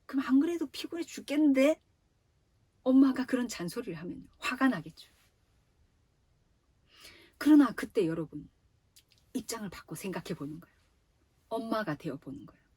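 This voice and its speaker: A woman preaching a sermon to a youth group. She speaks straight to her listeners in a lively teaching tone. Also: a little high, moderate pace, long pauses, breathy edge, no room sound. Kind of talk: sermon to teenagers.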